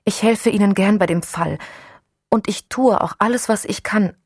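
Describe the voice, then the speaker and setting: A woman's voice: mid-range voice, normal speed, darkish tone, breathy edge, dry recording, clean studio sound, voice pushed up. A woman voicing a guarded, proud young woman in an audiobook, speaking firmly and earnestly. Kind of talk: audiobook dialogue.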